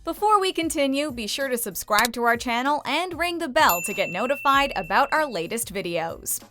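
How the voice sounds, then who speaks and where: A woman's voice: sits high, lively intonation, normal speed, over music. A woman narrating a scripted pop-culture countdown video.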